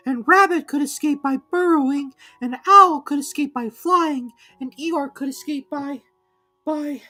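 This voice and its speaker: Storybook piglet, played by a woman: small timid male, thin high squeak, anxious and childlike. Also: fairly bright tone. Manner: fretful, earnest, childlike.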